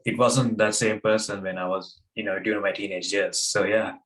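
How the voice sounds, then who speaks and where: A young man from Sri Lanka, a guest on an interview podcast, speaking with hesitant pauses and fillers. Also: on the low side, fairly even intonation, a bit bright. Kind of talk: casual interview chat.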